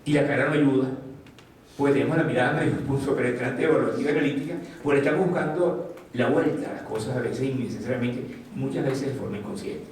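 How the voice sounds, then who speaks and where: A man giving a motivational talk to an audience in an animated way, putting questions to the listeners and acting out quotes. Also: medium pitch, quick pace, a little hiss or hum. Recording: distant mic in an echoey room.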